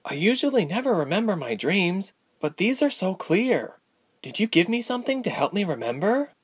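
Male narrator voicing a young woman with visions; high, anxious, animated. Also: moderate pace, breathy edge, dry recording, studio quality, full character voice. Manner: anxious, pleading, rising to anger. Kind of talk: audiobook character voice.

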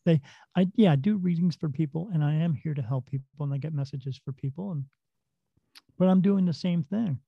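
A man's voice: fairly high pitch, a little fast, vocal fry, slightly rough, no room sound. A man working as a psychic medium, telling stories in a casual interview, rambling and restarting his words. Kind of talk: casual interview talk, storytelling. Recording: dull lo-fi dry recording.

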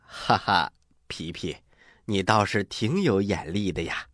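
A man's voice: deep voice, unhurried, fairly bright tone, no echo, clean studio sound. A man hosting and narrating a scripted children's story in a theatrical, encouraging, avuncular way. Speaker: storytelling host.

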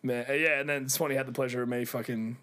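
Young Aussie bloke, podcast co-host, sweary and animated, lots of "like" and "um". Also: male voice, mid-range voice, fast talker. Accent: Australian. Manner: sweary, animated anecdote-telling with lots of fillers. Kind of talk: casual chat, storytelling.

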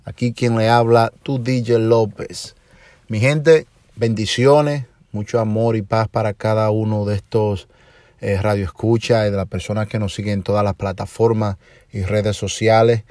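A Dominican man in his forties, speaking with a Dominican Spanish accent, hosts his own podcast as a slow, reflective monologue full of hesitations. His voice is on the low side with little pitch movement and a darkish tone, recorded on a phone or home microphone with no room sound.

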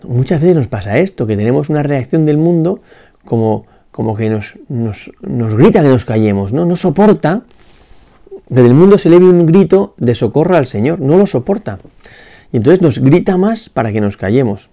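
A priest giving a spoken gospel meditation, reflective, pausing often with little questions to the listener. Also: male voice, mid-range voice, animated, dark tone. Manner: reflective, with frequent "¿no?" tags and restarts.

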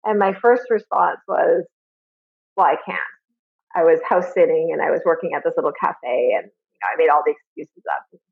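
A woman's voice: sits low, fairly quick, vocal fry, hardly any pauses, breathy edge. Woman on a tinny phone line. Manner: candid and reflective, with frequent fillers. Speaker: interview guest. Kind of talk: casual personal storytelling.

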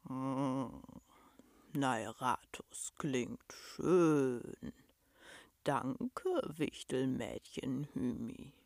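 Naeratus, a woman doing a rumbling cave beast. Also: lively intonation, vocal fry, darkish tone, no room sound, studio quality, full character voice. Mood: content. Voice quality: deep rumbling. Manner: slow, halting, speaks of others in third person. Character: huge gentle furry cave monster, slow and simple.

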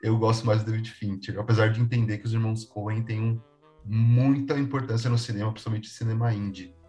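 A Brazilian man with a fairly low voice gives earnest, measured opinions in a casual film debate. He talks steadily, with soft music faint in the background. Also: level tone. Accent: Brazilian Portuguese.

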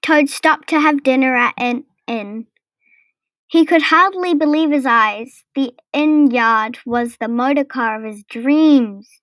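A woman reading a children's storybook aloud, slow and careful. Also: sits high, a bit bright, no room sound. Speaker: narrator.

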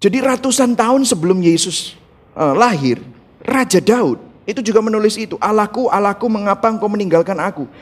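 Male pastor, high-pitched, fervent sermon delivery, speaks straight to the congregation, mixes in English. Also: lively intonation, fairly quick. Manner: emphatic, impassioned preaching that addresses the congregation directly; mixes English words into his speech.

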